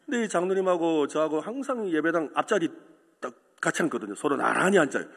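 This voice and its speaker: A man's voice: fairly high pitch, expressive, fast talker, creaky, fairly bright tone, slightly rough. A man preaching a sermon as pastor, telling a story and asking the congregation questions. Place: church sanctuary. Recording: echoey church hall with long reverb.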